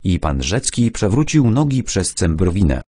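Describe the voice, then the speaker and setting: A man narrating an adventure novel as an audiobook in first person, calm and measured. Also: low-pitched, husky, no room sound, clean studio sound.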